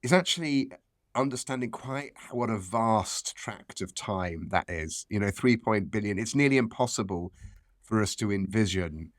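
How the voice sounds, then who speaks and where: A man speaking as an expert professor, explaining science conversationally in a measured way and repeating phrases for emphasis. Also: lowish voice, lively intonation, no room sound, clean studio sound.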